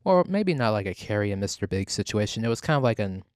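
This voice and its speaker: Low-voiced man chatting casual celebrity gossip. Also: big pitch swings, no room sound, clean studio sound. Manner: rambling, halting, heavy use of "like". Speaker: podcast host.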